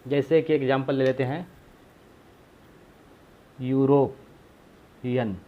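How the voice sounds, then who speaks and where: A man's voice: mid-range voice, brisk, phone-quality sound. A man teaching a grammar lesson, explaining patiently and repeating himself, asking rhetorical questions to his viewers.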